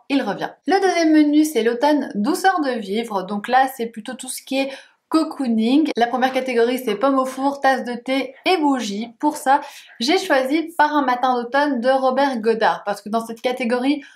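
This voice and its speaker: A woman's voice: fairly high pitch, darkish tone. A woman book vlogger talking casually at home, chatty and a little self-deprecating, with hesitant fillers. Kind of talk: casual reading-list vlog. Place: home room.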